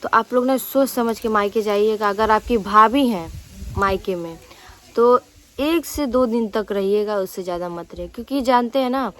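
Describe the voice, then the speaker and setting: A young woman vents to her viewers in a loose, casual vlog. She sounds aggrieved and rambles, restarting her sentences and leaning on fillers. Her voice sits at an ordinary pitch for a woman. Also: normal speed. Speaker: vlogger.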